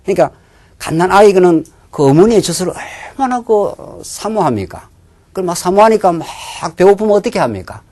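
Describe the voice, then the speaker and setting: A man preaching a sermon in a church, asking his listeners questions and answering them himself, sometimes dropping to a hushed near-whisper. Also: high voice, very animated, fairly quick. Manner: drops to a hushed near-whisper for inner thoughts. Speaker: pastor.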